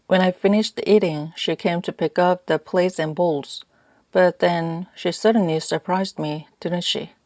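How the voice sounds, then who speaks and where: Woman, lower voice, calm measured narration, dry close audiobook sound. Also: no room sound. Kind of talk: scripted first-person narration.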